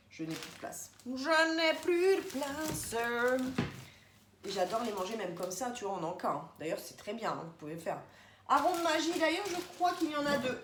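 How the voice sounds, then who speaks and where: Woman rambling through her grocery haul, super casual, roomy echo and a bit of hiss. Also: medium pitch. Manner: chatty, rambling, talks to viewers as tu. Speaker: vlogger. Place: home, indoors. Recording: echoey room, faint background noise.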